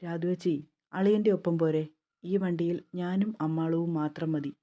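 A woman's voice: fairly low pitch, steady tone, moderate pace, warm tone, highs cut off, natural voice. A woman reading the lines of an angry young man, a groom who speaks with scorn and threats. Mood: commanding.

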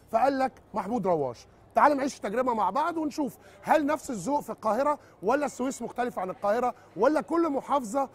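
A middle-aged man with an Egyptian Arabic accent, hosting a food show and interviewing on a street in a lively, chatty way. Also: very high voice, breathy edge. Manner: lively, chatty, echoes and confirms answers. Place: outdoors on a city street.

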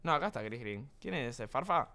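A young Argentine streamer chats live while gaming, his talk full of crude banter, slang and swearing in Argentine Spanish. His medium-pitched voice is animated, fairly quick and sharp in tone.

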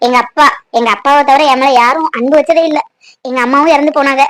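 Cartoon bride-to-be, very high and soft, shy and emotional, voiced by a woman. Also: steady tone, quick pace. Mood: tender. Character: young village woman, orphaned, tender and emotional. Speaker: bride-to-be on the phone.

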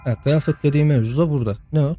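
A man's voice: a little high, very fast, warm tone, soft background music. A young man giving casual let's-play commentary, chatting to the game's characters and laughing often. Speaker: gameplay host.

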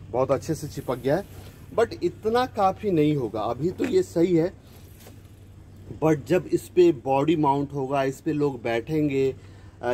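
A man's voice: medium pitch, a little mellow, slight background noise. A man talking viewers through a hands-on repair outdoors in a chatty tutorial style, mixing in English words as he works. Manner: chatty, addresses viewers as friends, Hindi mixed with English words. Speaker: DIY repair video host. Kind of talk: casual tutorial narration. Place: outdoors beside a scooter.

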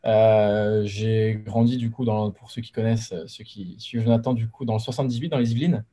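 A young man from the Paris region talks through a webcam from his bedroom. His voice is mellow and dark, and he speaks in a relaxed, rambling way. He often pauses to restart his sentences. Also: fairly low pitch. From Paris region, France. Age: 20s. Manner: relaxed and chatty, many fillers and restarts. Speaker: guest entrepreneur. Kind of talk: casual interview on a video call. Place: bedroom with framed pictures, indoors. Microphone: video call webcam.

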